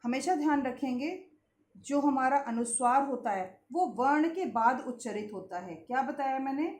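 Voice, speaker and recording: A woman teaches a children's Hindi lesson in a high, bright voice. She stretches out each syllable and repeats every point for her pupils. The recording carries a roomy echo. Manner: slow, drawn-out sounding of syllables and words; repeats key points, asks questions to the class.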